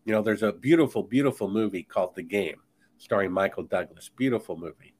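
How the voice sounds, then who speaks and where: A man's voice: on the low side, a little fast, darkish tone, husky. A man speaking as a guest author in a podcast conversation, talking in an emphatic, insistent, preachy way.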